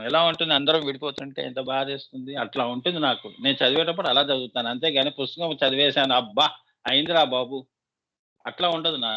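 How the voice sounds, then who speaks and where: A man's voice: fairly high pitch, bright, forceful tone. A middle-aged man with a Telugu accent, a spiritual teacher giving a devotional discourse in a fatherly way, often checking with his listeners. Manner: fatherly, addresses listeners as mother and son, asks "isn't it?". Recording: dull lo-fi sound.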